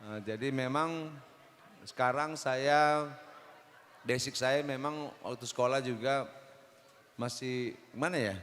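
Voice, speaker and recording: A man in his forties, a guest on a talk show, speaking in a relaxed way with jokes and rambling turns. His voice sits mid-pitch and carries a long hall reverb. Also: slow, pauses often, slight background noise. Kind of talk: casual talk show conversation. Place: mosque hall.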